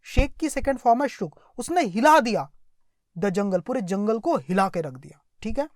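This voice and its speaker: A very animated woman with a slightly high, slightly mellow voice and an Indian accent teaches a story lesson as an English teacher. She explains each line, translates, defines words, repeats herself, asks quick check questions, and reads sentences slowly, in a dry, studio-quality recording.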